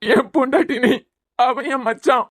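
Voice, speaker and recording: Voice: sits high, normal speed, no room sound, clean studio sound. A performer voicing a grieving young man in a cartoon series, lamenting in a choked, mournful voice with a Kanyakumari Tamil accent. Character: grieving young man, heartbroken over his friend. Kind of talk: cartoon voice acting.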